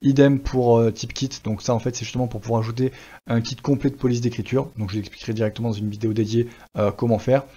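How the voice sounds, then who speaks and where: Relaxed French man walking through a tutorial. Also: medium pitch, fast, slightly rough. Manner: relaxed, chatty, many fillers and restarts. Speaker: WordPress tutorial presenter. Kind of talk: casual screen-recorded tutorial. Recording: slightly dull lo-fi sound.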